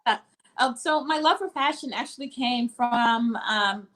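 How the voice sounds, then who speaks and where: A woman's voice: on the high side, a little slow, fairly bright tone. A woman from Mississippi, a boutique owner, talking casually in an interview over a video call with frequent ums.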